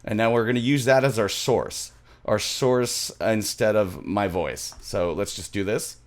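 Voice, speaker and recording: In a small indoor home studio, a middle-aged man with a low, unhurried voice walks through music production in a casual screen-share chat. Wearing headphones and sitting close to a studio microphone, he rambles eagerly and keeps breaking off mid-thought.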